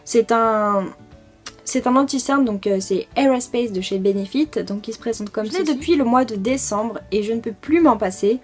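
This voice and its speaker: A woman's voice: a little high, normal speed, faint music behind. A young French woman chatting casually through a makeup product review, enthusiastic and full of fillers. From France. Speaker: beauty vlogger.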